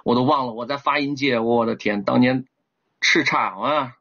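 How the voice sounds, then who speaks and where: A man teaching English vocabulary in a livestream lesson, animated, often asking viewers to type one to show they understand. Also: normal speed. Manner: lively with sudden high exclamations. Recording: dull lo-fi stream audio.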